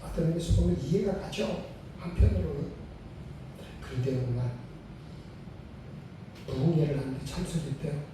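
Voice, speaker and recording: Older pastor preaching in a booming hall. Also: male voice, moderate pace, long pauses, noisy background. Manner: emphatic storytelling with repeated phrases. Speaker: retired senior pastor. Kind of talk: sermon. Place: church sanctuary. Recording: very echoey sanctuary, mic far off.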